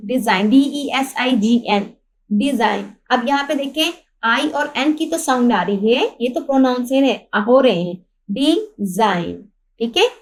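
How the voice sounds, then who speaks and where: Pakistani lady teacher, high voice, asks and answers her own questions as she goes. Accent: Pakistani Urdu. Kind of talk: lesson explaining a textbook.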